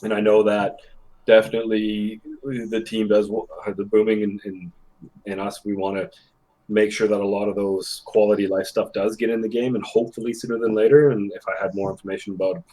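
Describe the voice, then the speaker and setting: Low-ish guy rambling on a gaming podcast, lots of um and you know. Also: flat delivery, brisk, dark tone, low-quality recording. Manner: rambling, many fillers. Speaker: guest, influencer manager. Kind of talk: casual podcast chat.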